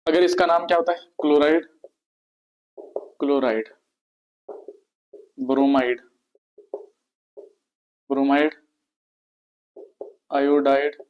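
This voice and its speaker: A man gives a board lecture on chemistry, his voice sitting a little high. He repeats every term and poses questions that he answers himself. He sounds like a teacher talking his students through a slide. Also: fairly even intonation, slow pace, long pauses, a little mellow, dull audio, a little hiss or hum.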